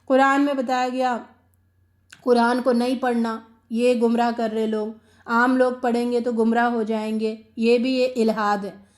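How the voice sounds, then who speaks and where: With a slightly high voice and level tone, a Quran teacher delivers a religious lesson on recitation. She speaks earnestly, poses questions, repeats phrases to stress them, and slips English words in.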